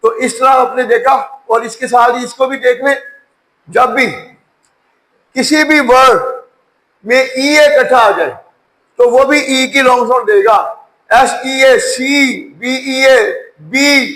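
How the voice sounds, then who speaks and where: Slow high-voiced male teacher spelling words. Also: bright, forceful tone, poor audio. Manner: slow, patient, spells out each word then says it. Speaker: English teacher. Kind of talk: spoken lecture, spelling words letter by letter.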